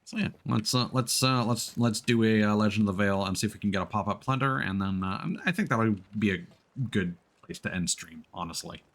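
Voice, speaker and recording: A man hosting a game livestream chats casually in an easygoing, hesitant way, letting sentences trail off. His voice is on the low side, and he speaks fairly quickly.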